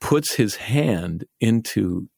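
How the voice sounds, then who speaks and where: A man co-hosting a podcast, telling a story in a casual, animated and self-mocking way, laughing often. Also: lowish voice, very slow, vocal fry. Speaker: podcast co-host and actor.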